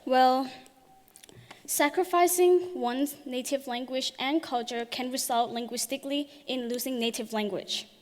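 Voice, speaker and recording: High-voiced teenage girl speaking in a hall. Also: measured pace. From Thailand. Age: teens. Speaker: youth speaker. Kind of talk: prepared talk on stage. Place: large hall.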